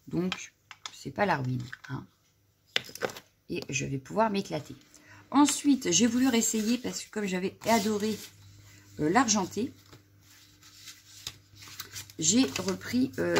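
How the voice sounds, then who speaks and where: A woman's voice: mid-range voice, creaky, noisy background. A middle-aged woman showing her craft purchases in a casual haul, chatting with many fillers and a slight frog in her throat. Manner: chatty, lots of "voilà" and fillers. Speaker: crafting vlogger.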